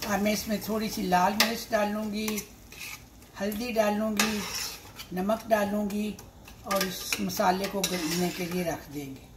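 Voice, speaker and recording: Cooking at the stove in her home kitchen, a Pakistani woman in her sixties explains each step in an unhurried, mid-range voice with fairly even intonation. This cooking show host speaks unscripted and often repeats herself, while the noisy, echoey kitchen carries loud sizzling, stirring, and clinking pots and dishes.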